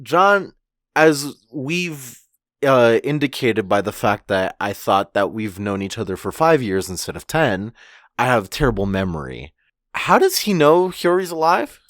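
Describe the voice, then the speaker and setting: A man co-hosting a podcast in casual chat, joking with deadpan wisecracks and swearing. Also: fairly low pitch, measured pace, no room sound, clean studio sound. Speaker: podcast co-host.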